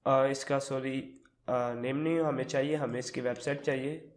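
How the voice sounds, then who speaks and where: A man with a sore throat giving a relaxed, step-by-step screen tutorial, mixing English words into his explanations. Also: medium pitch, normal speed. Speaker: tutorial host. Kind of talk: screen-recorded tutorial walkthrough.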